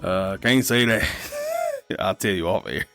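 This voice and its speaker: Over faint background music, a man in his thirties co-hosts a podcast in a fairly low, fairly bright voice whose pitch swoops wildly. He speaks slowly. His casual chat is laid-back storytelling full of blunt, profane advice about life.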